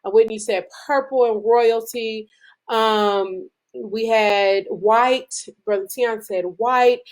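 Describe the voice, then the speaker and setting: Chatty woman teaching with many fillers. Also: mid-range voice. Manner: conversational, rambling, with frequent fillers and restarts; speeds up and slows down as she gets excited. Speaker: business branding presenter. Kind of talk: casual teaching talk to a group.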